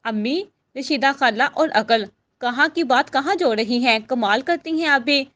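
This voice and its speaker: Woman doing a wry young daughter, high voice, playful, storybook reading. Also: moderate pace, fairly bright tone. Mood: teasing. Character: teasing witty young daughter.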